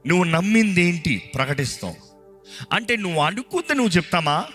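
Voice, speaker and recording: Male pastor, Telugu accent, fervent repeated prayer lines, bright ringing tone. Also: high voice, sing-song, brisk, soft background music. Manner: fervent, repeats phrases for the congregation to echo. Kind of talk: sermon and leading prayer. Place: church hall.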